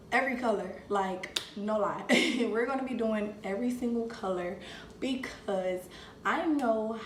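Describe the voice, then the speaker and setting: A young woman hosts a casual unboxing review, chatting to viewers as "you guys" while getting over a cold. Her voice is mid-range, the room is echoey, and there is slight background noise.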